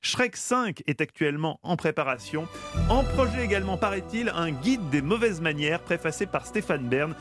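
A man's voice: on the high side, animated, normal speed, music in the background. A man delivering a comic radio chronicle in a studio, playful and ironic, with teasing asides to the host. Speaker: radio columnist.

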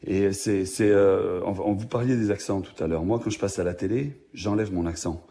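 Gravelly low man with a Marseille accent. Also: normal speed, dark tone. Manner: hesitant, many restarts. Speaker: journalist guest. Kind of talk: radio interview answers.

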